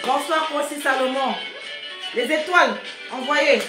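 Woman, high voice, live stream host, casual, bossy, teasing, echoey room, loud background music. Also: unhurried. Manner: bossy, teasing, scolds viewers, sings snatches of song. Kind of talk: casual live chat greeting viewers.

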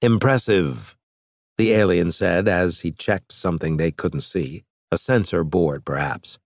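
A man's voice: deep voice, unhurried, vocal fry, dry recording, clean studio sound. A man narrating a science fiction audiobook in a plain storytelling manner. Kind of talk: scripted narration.

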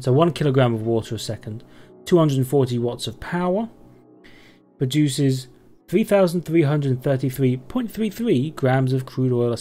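A man's voice: medium pitch, warm tone. A man doing gameplay commentary, thinking aloud in a rambling way and asking himself questions. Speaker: game streamer, let's play host.

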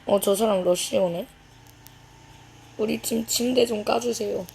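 A woman's voice: medium pitch, fairly even intonation, unhurried, creaky, darkish tone, slight background noise. A woman giving casual, playful commentary to herself while playing a video game. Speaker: gaming YouTuber.

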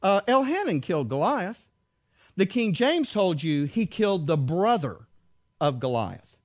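A man's voice: sits high, big pitch swings, measured pace. A man giving a teaching talk with slides, reading verses aloud and asking his listeners rhetorical questions. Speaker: Bible teacher.

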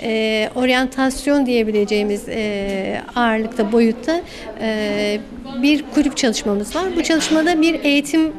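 A woman's voice: on the high side, measured pace. A middle-aged woman explains her programme as its organiser in an on-site news interview. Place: classroom full of women. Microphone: handheld reporter microphone. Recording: busy room chatter behind.

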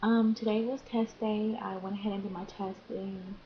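A young American woman records a casual video diary, speaking informally and haltingly with drawn-out pauses. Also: mid-range voice, little pitch movement. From Florida, United States. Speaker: vlogger. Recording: dull lo-fi sound, faint background noise.

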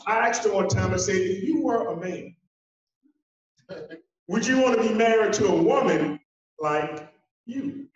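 A man in his forties delivers a motivational keynote from a conference stage. He builds his points with rhythmic repetition and dramatic pauses. His fairly high voice reaches the mic from a distance, with a strong hall echo and a dull, muffled tone. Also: lively intonation. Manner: walks the stage while speaking. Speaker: keynote speaker. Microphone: handheld mic heard through a distant camera. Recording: echoey hall from far off, dull sound.

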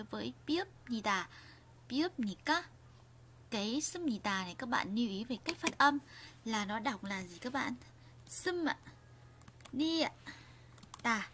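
A Korean language teacher gives a grammar lesson, frequently restarting phrases and putting questions to her viewers. Her voice is fairly high and a bit bright, with slight noise in the background.

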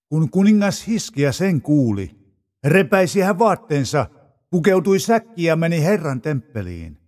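A man with a high voice reads scripture aloud. His reading is measured and solemn, in the manner of audio Bible narration. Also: a little mellow, big-room sound. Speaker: scripture reader.

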